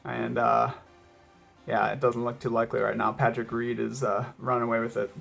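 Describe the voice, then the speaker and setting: A man chats in a reflective vlog style, with little melodic movement and a creaky edge to his voice. He hesitates and pauses mid-thought as he speaks, over soft background music. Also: medium pitch, flat delivery. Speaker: running vlogger. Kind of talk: casual vlog talk to camera.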